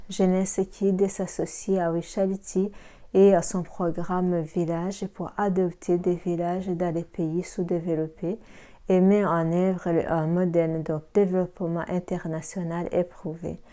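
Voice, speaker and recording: A woman from Rwanda delivers a prepared presentation in a very dark, mellow voice pitched a little low. She reads steadily, with hesitant fillers here and there. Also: little pitch movement, measured pace. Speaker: pharmacy assistant and network marketer.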